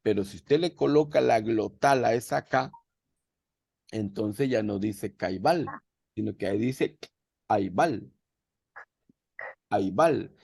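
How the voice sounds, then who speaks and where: A man's voice: on the low side, measured pace, gravelly, darkish tone, breathy edge, dry recording, clean studio sound. A man teaching a language class over a video call, patiently repeating words so his students can follow. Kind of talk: virtual class explanation.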